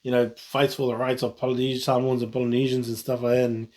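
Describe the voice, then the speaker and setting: Quick-paced with little pitch movement, this New Zealand vlogger's mid-range voice is a little mellow. Talking casually alone, he rambles and keeps restarting and correcting his sentences.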